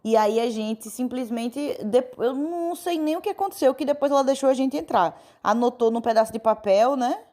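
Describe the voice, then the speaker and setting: Brazilian woman host, slightly high voice. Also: moderate pace, few pauses, a little mellow. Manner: chimes in with short agreements and asides. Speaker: podcast host. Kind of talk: casual chat.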